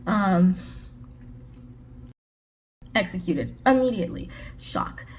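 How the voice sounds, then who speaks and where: A woman's voice: mid-range voice, expressive, slow, slight background noise. A woman casually reviewing a book on her vlog, talking in a chatty way with sarcastic asides.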